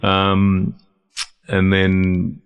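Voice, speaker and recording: Speaking with vocal fry in a low, completely flat and extremely slow voice, this middle-aged guest reflects aloud, frequently restarting and repeating words as he thinks. Born in Lebanon and raised in Australia, he founded a men's health organisation and is being interviewed casually. His tone is clean, though the audio is narrow and tinny.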